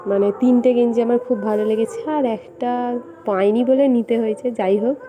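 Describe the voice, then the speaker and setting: A young woman talks through her home vlog in a hushed, casual way so she won't wake her son. Her voice sits a little high and stays fairly level. Music from nearby comes through clearly behind her. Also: fairly even intonation, brisk. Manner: speaking softly so her sleeping son stays asleep. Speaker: vlogger. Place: at home indoors. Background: fair music playing nearby.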